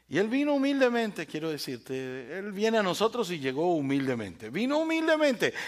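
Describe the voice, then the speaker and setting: A male pastor preaching a sermon with dramatic swings, who asks rhetorical questions and speaks directly to the congregation. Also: high-pitched. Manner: addresses listeners directly and by name.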